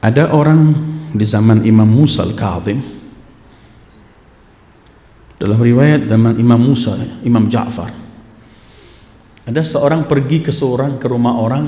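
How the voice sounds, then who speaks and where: A male religious teacher giving a sermon and telling a story, acting out its dialogue and swinging between loud and hushed delivery. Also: mid-range voice, unhurried, pauses often, reverberant, big-room sound.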